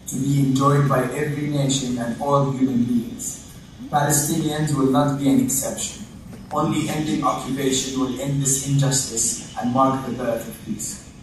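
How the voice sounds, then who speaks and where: A man reading a statement at a panel in a lecture room, measured and formal. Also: mid-range voice, slight background noise. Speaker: panel speaker. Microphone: far camera. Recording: echoey room from far off.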